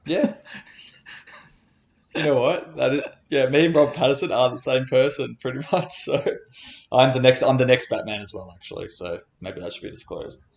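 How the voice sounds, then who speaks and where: A man's voice: mid-range voice, normal speed, gravelly, a little mellow. Man in an echoey room, chatting. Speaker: new podcast member. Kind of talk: casual chat. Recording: roomy, echoing sound.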